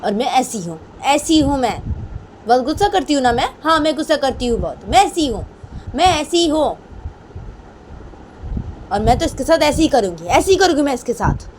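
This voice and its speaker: A woman's voice: high voice, big pitch swings, normal speed, pauses often, slight background noise, pitched above the performer's own voice, low-quality recording. A woman voicing a hot-tempered young wife who talks back shrilly and defiantly. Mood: furious.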